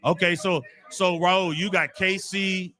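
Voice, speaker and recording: Bright-voiced man hosting a casual chat. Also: high-pitched. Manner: relaxed banter, running through picks with quick questions. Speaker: podcast host.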